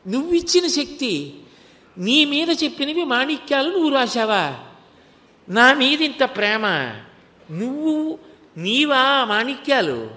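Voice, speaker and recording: A man's voice: very high voice, big pitch swings, measured pace, long pauses, pushed and bright, pitched above the performer's own voice, heavily acted. A man voicing an ecstatic elderly male saint who calls out in overwhelmed, tearful praise, in a long-reverb hall. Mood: ecstatic awe.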